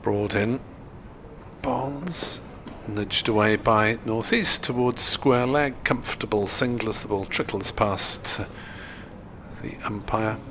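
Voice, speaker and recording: A man's voice: fairly low pitch, slow pace, bright, forceful tone, slight background noise. Male cricket commentator over ground ambience. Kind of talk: live cricket radio-style commentary.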